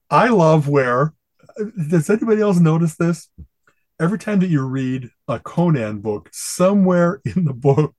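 A man's voice: a little high, darkish tone, no room sound. A man co-hosting a podcast in casual chat, enthusiastic and rambling, quoting catchphrases with relish. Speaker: podcast co-host.

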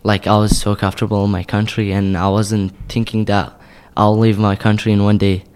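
Young man from Syria, flat smooth voice. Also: lowish voice. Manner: simple, halting non-native English. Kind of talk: personal story.

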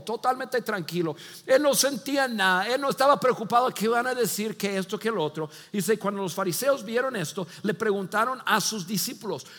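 Animated high-voiced preacher man in a big hall. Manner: animated storytelling, acts out voices, many restarts. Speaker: pastor. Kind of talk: sermon.

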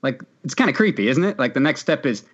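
A man's voice: medium pitch, very animated. A man with a wry, teasing manner, chatting casually as a podcast co-host. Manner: wry, teasing, quick to laugh. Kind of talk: casual chat. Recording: dull lo-fi mic.

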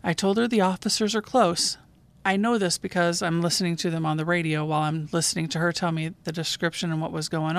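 A woman, a 911 dispatcher who hosts her own podcast, calmly narrating a true call in scripted form. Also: lowish voice, dry recording.

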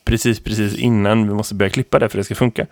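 A man in his thirties, a teacher co-hosting a podcast, who tells stories in a lively, rambling way full of fillers. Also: lowish voice, creaky, dry recording, studio quality. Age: 30s. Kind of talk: casual podcast chat.

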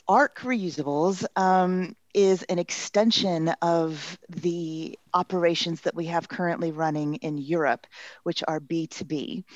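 A woman's voice: lowish voice, dry recording. A woman company founder explaining her work conversationally as an interview guest. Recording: dull lo-fi dry sound.

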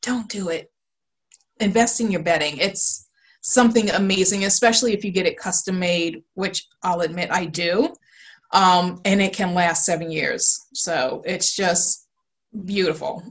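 A woman's voice: lowish voice, measured pace. Woman guest on a video call, gushy, lots of likes and ums. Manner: gushing, full of fillers like "like" and "um". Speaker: interior designer guest. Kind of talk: casual interview.

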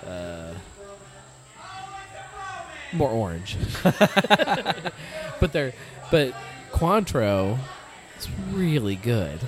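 A man's voice: fairly low pitch, very animated, drawn-out words, long pauses, over music. A man hosting a podcast in casual chat, rambling and correcting himself, laughing easily. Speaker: podcast host.

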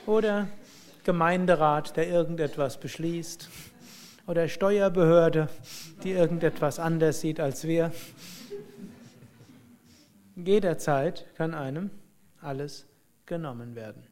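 A man telling a spiritual story and drawing lessons from it, in a reflective, unhurried way with musing hums. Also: a little high, a little mellow. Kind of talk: spoken storytelling and teaching.

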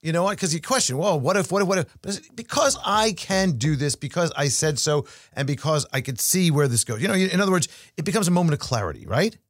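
A man's voice: a little high, lively intonation, fast talker, hardly any pauses, no echo, clean studio sound. A man hosting a podcast interview, talking in a conversational, reflective way with frequent fillers. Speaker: podcast host.

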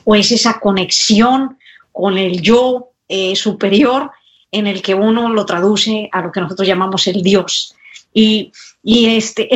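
A woman's voice: on the high side, a bit bright. A woman doctor, a guest in an interview, speaking thoughtfully with frequent hesitations. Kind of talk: conversational interview.

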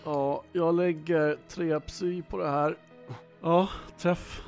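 High gravelly guy playing a tabletop game, jumpy voice all over the place, swears a lot. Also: soft background music. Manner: excitable, swears, stammers in panic. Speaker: player. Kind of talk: casual tabletop play.

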